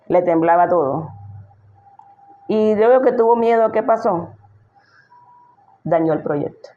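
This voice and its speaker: A woman's voice: on the low side, phone-quality sound. A woman pastor giving an emphatic sermon, full of rhetorical questions she answers herself.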